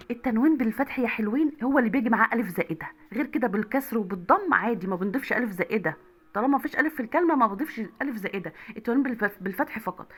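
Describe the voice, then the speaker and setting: Fast-talking Egyptian woman teaching kids. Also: on the high side, fairly bright tone. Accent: Egyptian Arabic. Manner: repeats words slowly and clearly for young pupils. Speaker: primary school Arabic teacher. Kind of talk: online video lesson for children.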